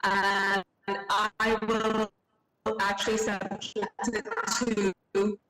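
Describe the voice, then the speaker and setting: A woman's voice: mid-range voice, flat delivery, extremely slow, a bit bright, echoey room, low-quality recording. A woman committee member speaking formally on a remote call whose audio breaks up into a buffering stutter. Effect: choppy buffering stutter from a breaking-up call. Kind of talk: formal meeting motion.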